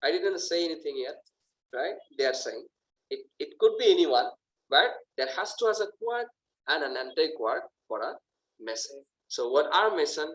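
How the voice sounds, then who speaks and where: A man's voice: on the high side, bright, forceful tone, low-quality recording. A male physics teacher, giving a recorded lesson. He moves between Bengali and English and asks his students questions, then answers them himself.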